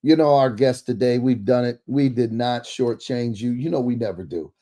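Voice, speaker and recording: A man's voice: medium pitch, moderate pace, mellow. A man hosting a church talk show, introducing and interviewing a guest in a preacherly way, often saying amen.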